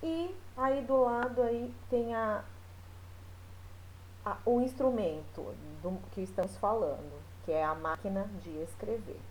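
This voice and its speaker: A woman's voice: mid-range voice, darkish tone, slight background noise, poor audio. A woman teacher talking her class through a recorded lesson in a loose, chatty way, with many small fillers. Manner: explains slowly, with frequent fillers.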